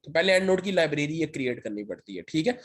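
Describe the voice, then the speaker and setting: Man teaching software with a sore throat. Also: on the high side, very animated, fast. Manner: step-by-step, repeats "ठीक है" to check in. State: sore throat, occasional cough. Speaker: lecturer. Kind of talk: screen-share software tutorial.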